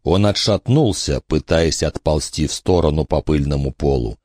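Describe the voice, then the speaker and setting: A man narrating an audiobook in an expressive, dramatic storytelling manner. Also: extremely low pitch, normal speed, dry recording, clean studio sound. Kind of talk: scripted narration.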